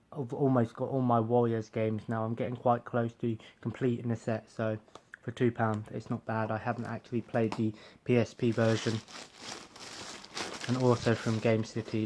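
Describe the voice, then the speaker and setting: Young guy talking soft and low, ums everywhere, pretty monotone. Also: a little hiss or hum. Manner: soft-spoken, keeping his voice down; rambling, with many ums and uhs. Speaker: collector showing purchases. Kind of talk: quiet vlog. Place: bedroom at home.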